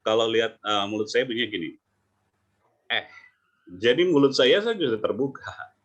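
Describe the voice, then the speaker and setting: A man coaching English pronunciation online, talking lively and sounding out letters and words over a video call. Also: medium pitch, normal speed, dull audio. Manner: lively, demonstrating sounds aloud. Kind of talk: online teaching talk.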